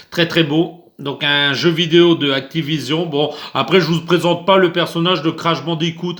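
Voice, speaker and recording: Chatty high-voiced man hosting an unboxing. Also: fairly bright tone. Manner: chatty, hesitant, many fillers. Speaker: unboxing channel host. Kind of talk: casual unboxing vlog. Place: indoors under artificial light.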